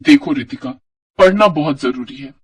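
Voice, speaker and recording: Gentle caring young bride, voiced by a man, husky and a bit high. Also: moderate pace, recorded from a distance. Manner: gentle, reassuring.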